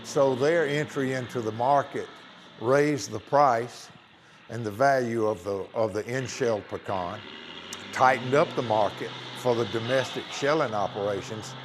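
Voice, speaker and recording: A man's voice: medium pitch, a little slow, background noise. Married farmer man with dry humor. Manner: dry, joking asides. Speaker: pecan farmer. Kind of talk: interview sound bite.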